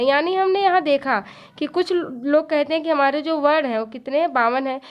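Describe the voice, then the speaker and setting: A woman teaching a lesson, who asks questions and answers them herself and repeats each point. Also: sits high. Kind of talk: explanatory lesson. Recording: dull lo-fi recording.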